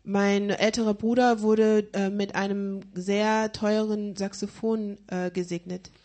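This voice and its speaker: Woman interpreting a church sermon on the fly, lots of ums and restarts, mid pitch. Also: little pitch movement, measured pace, mellow. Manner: hesitant, many fillers and restarts while searching for words.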